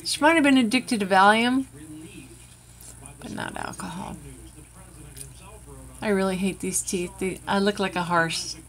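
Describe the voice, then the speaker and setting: A woman's voice: mid-range voice, measured pace, pauses often. A woman telling a personal story to her own camera in a frank, rambling, venting way. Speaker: vlogger. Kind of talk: candid personal vlog. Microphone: camera she adjusts herself.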